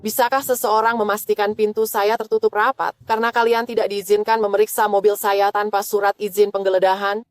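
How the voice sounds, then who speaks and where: A woman's voice: medium pitch, level tone, fairly quick, hardly any pauses, no echo. A drunk woman arguing with and taunting police during a heated confrontation. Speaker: detained driver, intensive care nurse.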